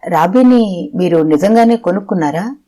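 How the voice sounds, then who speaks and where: A narrator of an audiobook voicing a middle-aged man who presses a family with quick, pointed questions. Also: medium pitch, animated, dark tone, natural voice. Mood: questioning.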